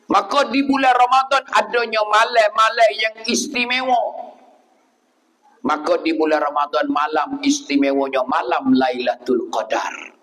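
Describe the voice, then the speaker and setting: A man preaching a sermon in a mosque with a Patani Malay accent, repeating his points and breaking into loud bursts. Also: high-pitched, long reverb tail, low-quality recording. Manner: animated, repetitive preaching with sudden loud bursts.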